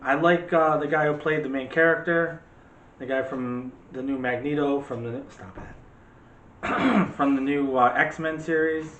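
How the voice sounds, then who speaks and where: With a fairly high, a-bit-bright voice and fairly even intonation, a middle-aged man speaks unhurriedly while co-hosting a movie review channel, rambling casually with a teasing edge. The at-home room gives a roomy echo and faint background noise.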